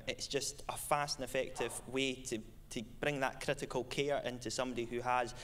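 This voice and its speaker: A man's voice: medium pitch, a bit bright, clear, resonant tone. A young man who has won an award, answering questions on stage in a passionate, eager way. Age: young adult. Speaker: award winner. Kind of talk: on-stage interview.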